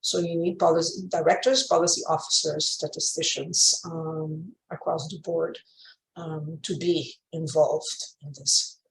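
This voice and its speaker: A woman with an Aruban accent explains things informally, dropping Dutch terms into her English. Her voice has a noticeable fry to it. The recording is roomy and echoing, with faint noise behind her. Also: low voice, little pitch movement, measured pace. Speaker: panel speaker from Aruba. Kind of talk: informal explanation in an online session. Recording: echoey room with faint noise.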